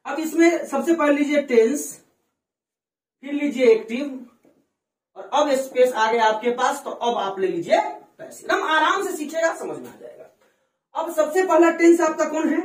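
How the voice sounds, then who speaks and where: A woman's voice: sits high, lively intonation, moderate pace. A woman teaching a grammar lesson in a classroom, drilling the students with questions and call-and-response. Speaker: English teacher. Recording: echoey classroom from far off.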